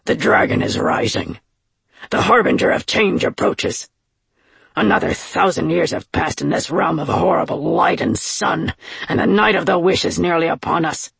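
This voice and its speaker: A towering, impatient oni demon, as a woman narrator puts him on, speaks in a deep, rumbling growl. His voice is gravelly and raspy, and it swoops widely in pitch. The sound is dry and close. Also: lively intonation, normal speed, no room sound, full character voice. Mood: ominous. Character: huge menacing male oni demon, impatient. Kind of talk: audiobook character voice.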